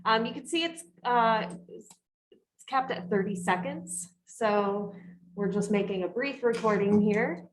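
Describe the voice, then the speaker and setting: A woman co-presenting a teaching workshop in a casual live software demo, chatty and full of ums and you-knows, heard over a video call. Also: fairly high pitch, unhurried, a little hiss or hum. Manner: chatty, many fillers like um and you know.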